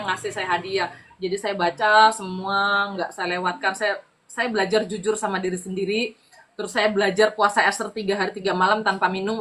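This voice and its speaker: A woman with an Indonesian accent tells her faith testimony in a relaxed, chatty way. Her voice is bright and forceful, and it leaps up in pitch whenever she acts out what someone said. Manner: lively storytelling, acting out quoted dialogue with pitch jumps; casual, frequent fillers like "gitu". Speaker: guest giving testimony.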